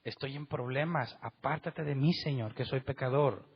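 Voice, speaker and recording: A man's voice: medium pitch, moderate pace, husky. A man preaching a sermon as pastor, emphatic and full of rhetorical questions, acting out the quotes he reads. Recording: dull lo-fi sound.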